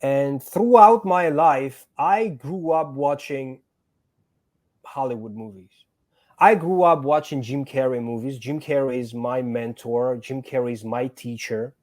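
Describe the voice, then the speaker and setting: A man's voice: medium pitch, a little slow, a little mellow. A man born in Georgia and raised in Greece, a guest actor and stuntman talking casually in an interview, earnest and often repeating words as he finds his phrasing.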